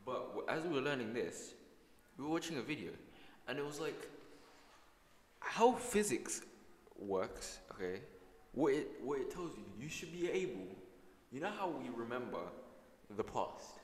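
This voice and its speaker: A man's voice: mid-range voice, lively intonation, normal speed. Rambling teen boy in an echoey room. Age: teens. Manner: rambling, restarts often, playful. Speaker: student podcast co-host. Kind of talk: casual chat. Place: school room. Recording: echoey room with long reverb.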